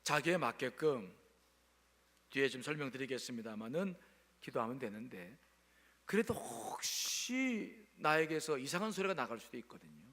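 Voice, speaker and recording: A man's voice: medium pitch, big pitch swings, moderate pace, fairly bright tone, big-room sound. A male pastor preaching a sermon at a church service, speaking emphatically and calling on the congregation to answer aloud.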